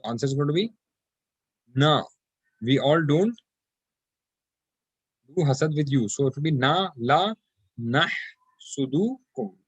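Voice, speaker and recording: A man teaching an online Arabic class, patiently repeating phrases slowly for his students. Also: on the high side, animated, breathy edge, no echo.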